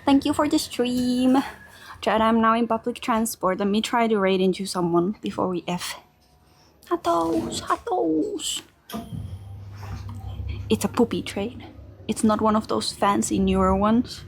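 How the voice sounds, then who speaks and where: A woman's voice: fairly high pitch, animated, unhurried, gravelly, pauses often, slight background noise. Chatty young woman streaming live. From Finland. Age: young adult. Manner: chatty, talks to her chat while walking. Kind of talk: casual live-stream chat. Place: outdoors in a park and transit stations.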